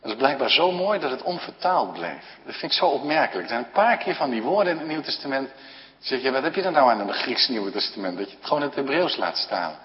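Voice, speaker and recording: Male pastor, mid-pitched, earnest sermon delivery, church reverb, dull lo-fi sound. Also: very animated. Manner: slow, earnest, with long pauses between short phrases.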